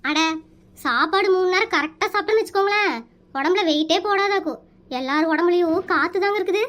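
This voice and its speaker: A woman voices a put-upon middle-aged village housewife with a Kongu Tamil accent, complaining plaintively in a comic cartoon. Her voice is extremely high-pitched and fairly bright, and she talks fast.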